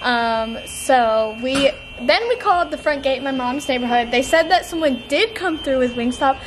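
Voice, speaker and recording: High-voiced young woman vlogging with background noise. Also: normal speed. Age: young adult. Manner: playful, teasing. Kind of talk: casual chatty vlog. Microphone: camera at arm's length. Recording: noisy outdoor handheld camera, background ambience.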